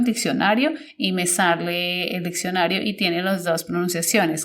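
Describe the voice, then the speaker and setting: A woman speaks in a relaxed podcast monologue, as a teacher talking to fellow teachers. Her voice sits a little low for a woman. She thinks aloud as she goes, restarting phrases and hunting for the right word. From Colombia. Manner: thinks aloud, self-correcting and searching for words.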